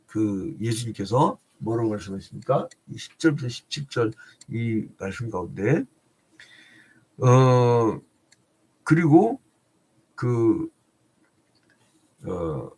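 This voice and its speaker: A man's voice: medium pitch, a little mellow, slightly rough. A male pastor preaching a dawn prayer sermon in a chatty way, often asking the congregation rhetorical questions.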